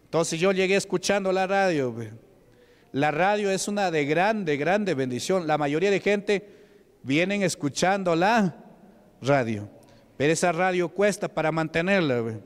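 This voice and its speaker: Man, Peruvian Spanish accent, pastor, testimony sermon, questions to the congregation, smooth resonant voice, echoing church hall. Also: high-pitched, expressive, a little slow. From Peru. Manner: conversational, asks the congregation questions. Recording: long hall reverb.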